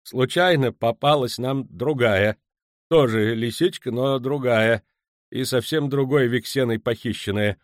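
A man voicing a frightened, pleading merchant who turns shrill and high-strung. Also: a little slow, no echo, clean studio sound, close to an everyday voice. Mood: sheepish.

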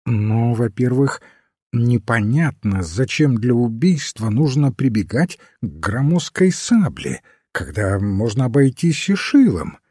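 Impatient logical doctor as a man does him, exasperated, insistent, dark husky tone. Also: medium pitch, sing-song, slow, dry recording, studio quality, exaggerated voice. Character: irritable, logical male doctor, impatient scholar.

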